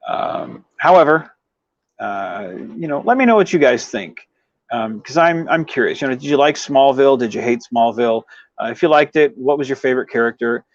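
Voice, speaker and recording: A livestream host chats casually with his live viewers, rambling loosely with a frequent "you know" tic and other habitual fillers. His middle-pitched voice has lively intonation and a moderate pace. The audio is dry with no echo, slightly dull and lo-fi.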